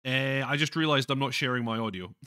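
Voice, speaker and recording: A man hosting a live stream, chatting casually with viewers, self-deprecating and halting, with many restarts. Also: medium pitch, pushed and bright, clear, resonant tone. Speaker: livestream host reading chat.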